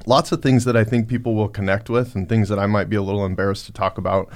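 A man with a somewhat low voice hosts a podcast. He talks earnestly, often stopping to restart a phrase, with plenty of "um" and "you know". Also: level tone, fast talker, a little mellow. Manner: earnest, many fillers and restarts. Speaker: podcast host. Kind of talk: casual podcast talk.

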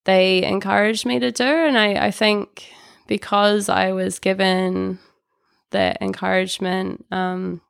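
A woman's voice: medium pitch, level tone, takes it slowly, creaky, clean tone, no echo, studio quality. A woman, an artist guest chatting in an interview, laughing often and restarting her sentences, still recovering from an illness. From New Zealand. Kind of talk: interview conversation.

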